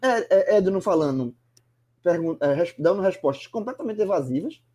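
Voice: medium pitch, lively intonation, moderate pace, warm tone, lo-fi sound. A sports commentator, talking animatedly and emphatically in a casual sports chat, often restarting words.

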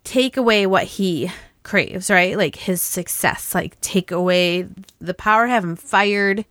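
A woman co-hosting a podcast in casual chat, opinionated and animated as she retells scenes. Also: medium pitch, slow, dry recording, clean studio sound. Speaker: podcast co-host.

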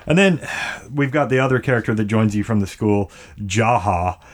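Lowish-voiced man, podcast host, casual and sweary, speech a little impeded after dental work. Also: lively intonation, normal speed. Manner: casual, profane. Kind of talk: casual chat about a video game.

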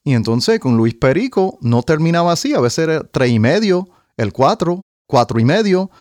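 A man's voice: on the high side, normal speed, dry recording, clean studio sound. A man, a trumpet player, telling an anecdote in casual conversation and scatting out rhythms and melodies as he goes. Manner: animated, sings out rhythms and melodies. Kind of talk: conversational storytelling.

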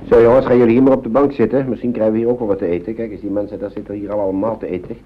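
An actor playing a fussy uncle who talks to children in a chatty, scolding but kindly way. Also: male voice, fairly low pitch, fairly even intonation, racing, close to an everyday voice. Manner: fretful, chatty, scolding yet kindly, many tag questions. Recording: dull old noisy recording.

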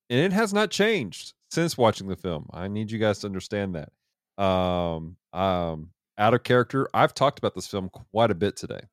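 A man's voice: fairly low pitch, no room sound, studio quality. A man hosting a movie podcast in casual chat, laughing often. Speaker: podcast host.

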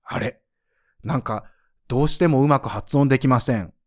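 A man's voice: mid-range voice, moderate pace, darkish tone, breathy edge. A man teaching French pronunciation in a scripted lesson, explaining the rules patiently and spelling out sounds one by one.

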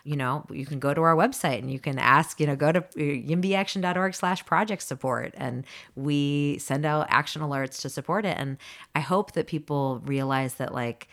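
Woman, thirties, low voice, animated, laughs a lot, casual podcast guest. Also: normal speed. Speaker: housing advocacy group leader, guest.

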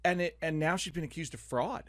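A middle-aged man hosts a radio talk show in the studio, his voice sitting a little high for a man. He rambles along with jokes and plenty of "uh"s. The sound is close and dry, with no room in it. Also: a little fast, no room sound. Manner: rambling, joking, many fillers. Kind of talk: casual on-air chat.

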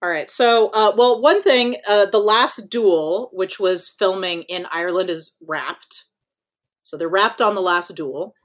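A woman's voice: mid-range voice, unhurried. A woman co-hosting a podcast in casual chat, rambling with lots of fillers and casual swearing. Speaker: podcast co-host.

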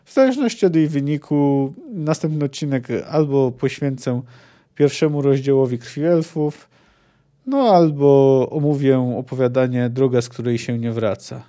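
A man's voice: mid-range voice, moderate pace, warm tone. A man hosting a book podcast, talking through his thoughts in a casual monologue with frequent hesitant fillers. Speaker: podcast host reviewing fantasy books.

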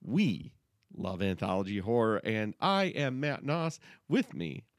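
A male podcast host with a hugely animated, up-and-down voice. He chats casually and playfully, and the sound is dry and close. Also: on the low side, measured pace, no room sound. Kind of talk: casual comedic chat.

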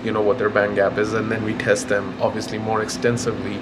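A man's voice: on the low side, completely flat delivery, fast talker. A man, a scientist, explaining his work informally in an interview in a lab. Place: indoors in a lab. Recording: faint room noise on location. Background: faint noise, room ambience.

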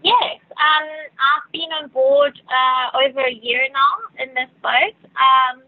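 A Venezuelan woman whose first language is Spanish speaks English with a South African accent, her voice sitting high and her pace slow. As a yacht crew member appearing as a guest, she answers interview questions hesitantly, full of fillers and restarts. The audio is a dry, tinny phone line with no room sound.

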